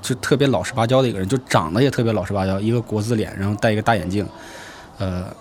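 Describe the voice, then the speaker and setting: A man telling a first-person story in an unhurried, conversational way, often restarting his sentences. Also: lowish voice, slight background noise. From rural Hebei, China.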